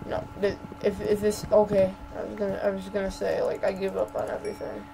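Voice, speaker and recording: A woman's voice: medium pitch, completely flat delivery, a little fast, creaky, noisy background. A woman giving casual gameplay commentary as a channel host, stammering and repeating words while ranting in exasperation.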